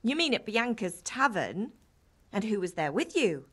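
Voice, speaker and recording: An actress plays a middle-aged village mother in a medieval game, scolding and teasing with affection in animated, nagging dialogue. Her mid-range voice is slightly rough and moves at a normal speed. The mood is teasing and chiding, in a dramatic video game style.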